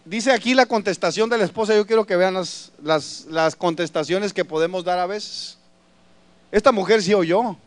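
Male pastor, animated storyteller, high and resonant, preaching to the brethren. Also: moderate pace, dry recording. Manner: animated storyteller addressing the congregation as brothers. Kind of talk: sermon.

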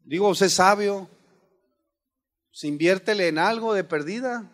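A man's voice: sits high, unhurried. A man, a pastor giving an earnest, conversational sermon and firing rhetorical questions at the congregation. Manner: earnest, addresses listeners as brothers, rhetorical questions.

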